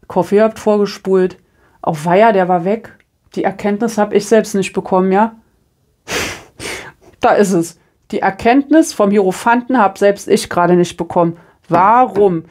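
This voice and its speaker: A middle-aged German woman reading tarot cards, chatting casually and telling an animated, self-deprecating story. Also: medium pitch. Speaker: tarot reader. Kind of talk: casual chat.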